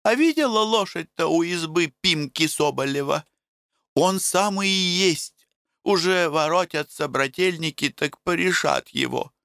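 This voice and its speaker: A man's voice: on the high side, animated, a little slow, creaky, fairly bright tone, clear, resonant tone, dry recording, studio quality, voice pushed up, full character voice. A male reader voicing an eager village woman passing on news in a gossipy way. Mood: gossiping.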